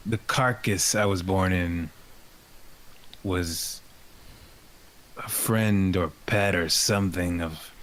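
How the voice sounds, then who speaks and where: A man voicing a gloomy, evasive cursed being born from a carcass, speaking in a halting, low-key way in a tabletop game. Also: a bit bright, full character voice.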